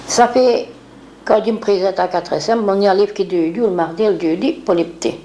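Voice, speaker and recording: A woman's voice: mid-range voice, normal speed, dark tone. An older woman, reminiscing in a rambling way and acting out what others said. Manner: rambling, acts out quoted speech. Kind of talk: reminiscing oral history.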